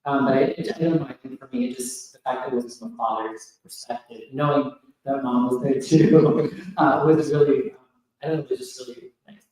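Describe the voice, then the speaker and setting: Halting male moderator, far from mic in a very echoey room. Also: mid-range voice, fairly even intonation, darkish tone. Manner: hesitant, halting. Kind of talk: casual panel talk.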